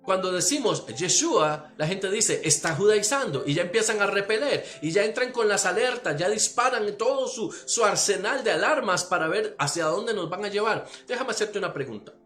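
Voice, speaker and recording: A man's voice: high voice, moderate pace, few pauses, soft background music. A man from Costa Rica with a Costa Rican Spanish accent, a pastor giving a teaching sermon and often checking that listeners follow. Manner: animated, asks listeners if they follow.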